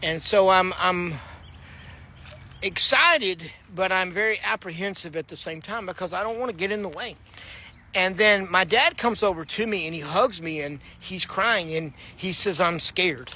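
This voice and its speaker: A man's voice: sits high, normal speed, sharp tone. A man telling a personal faith testimony in an earnest, conversational way, with fillers and restarts. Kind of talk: personal testimony, casual storytelling. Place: backyard, outdoors.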